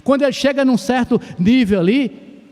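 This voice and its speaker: A man from Brazil, preaching a sermon as pastor, asking rhetorical questions and rising to loud shouted exclamations. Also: extremely high pitch, moderate pace. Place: church sanctuary. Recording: long church hall reverb.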